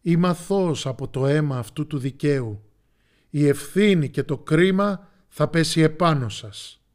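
Booming Roman governor for a Bible storybook, played by the male narrator. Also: natural voice. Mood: declaring. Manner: loud, proclaiming. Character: stern Roman governor addressing a crowd.

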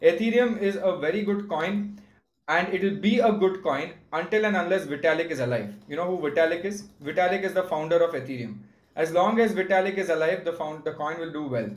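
In echoey online call audio, a man talks in a slightly high voice. He explains his views casually but emphatically, repeating words to drive them home. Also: a little fast. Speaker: guest speaker on an online crypto call.

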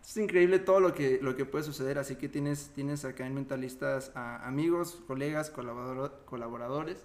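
A man's voice: medium pitch, brisk. A man co-hosting a casual podcast, speaking earnestly with frequent rambling restarts. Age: 30s. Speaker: podcast co-host.

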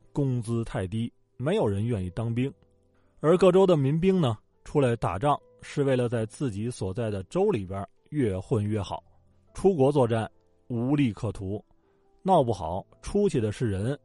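Warm and mid-range, a man's voice spins history into a casual, humorous tale with colloquial asides and quotes he acts out. There's no room sound on the dry close-mic recording, just faint music underneath.

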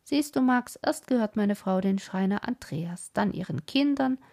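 A woman's voice: medium pitch, lively intonation, normal speed, darkish tone. A woman reading aloud, voicing a proud colonel praising an honest carpenter in an old storybook. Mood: emphatic.

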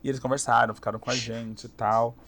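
A young man with a Brazilian Portuguese accent, chatting casually as a guest and telling lively stories, laughing often and acting out what people said. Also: mid-range voice, fast, gravelly, a little hiss or hum. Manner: animated storyteller, laughs often, acts out quotes. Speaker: streamer guest. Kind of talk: casual podcast chat.

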